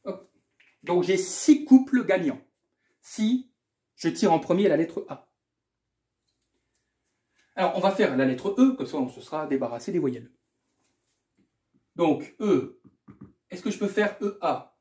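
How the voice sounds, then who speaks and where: A man's voice: on the high side, lively intonation, a little slow, pauses often, warm tone, echoey room. A man tutoring math, working through an exam problem aloud in a casual way, repeating himself and adding small asides. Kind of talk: explaining a math exam correction.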